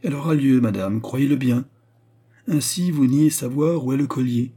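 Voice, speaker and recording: A man's voice: mid-range voice, moderate pace, warm tone, slightly rough, voice pushed up, natural voice. A man voicing a haughty, scornful queen. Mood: stern, scornful. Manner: cold, cutting interrogation. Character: stern haughty queen, contemptuous and commanding. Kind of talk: audiobook reading.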